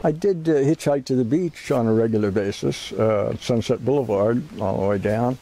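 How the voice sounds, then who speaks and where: A man's voice: medium pitch, moderate pace, mellow, a little hiss or hum. A man casually and amusedly recalling his childhood in a documentary interview.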